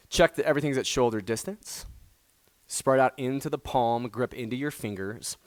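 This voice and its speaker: A man teaching a power yoga class, giving calm, encouraging step-by-step cues and gentle praise. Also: medium pitch, no echo. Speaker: yoga instructor. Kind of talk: guided yoga class instruction.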